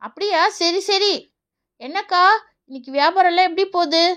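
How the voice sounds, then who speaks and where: A woman's voice: very high voice, moderate pace, a bit bright, voice pushed down. Woman doing a chatty cartoon mom. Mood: friendly. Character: young mother, friendly and easygoing. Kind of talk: children's cartoon voice acting.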